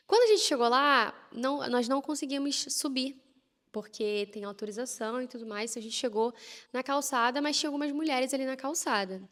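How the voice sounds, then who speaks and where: A woman telling a personal faith story in casual conversation, animated and lively as she acts out what people said. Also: high-pitched, fairly quick, big-room sound. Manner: animated, lively retelling with quoted prayers and laughs. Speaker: guest telling a personal testimony.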